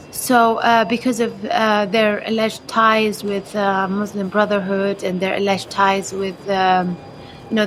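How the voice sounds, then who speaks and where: A woman's voice: medium pitch, a bit bright, a little hiss or hum. A woman from Yemen, an aid worker, recounting her experiences in a hesitant, reflective way with many fillers and restarts.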